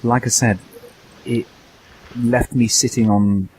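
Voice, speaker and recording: A man co-hosting a casual gaming podcast, talking haltingly and restarting his sentences as he thinks. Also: mid-range voice, fairly even intonation, darkish tone, slight background noise, poor audio. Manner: hesitant, restarts and repeats words while thinking. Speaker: podcast co-host.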